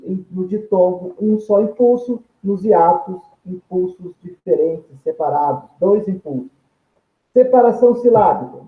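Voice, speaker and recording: High-voiced male teacher, tinny echoey sound. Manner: explanatory, points at examples on screen; stretches out example words syllable by syllable. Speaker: Portuguese grammar teacher. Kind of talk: video lesson explaining grammar.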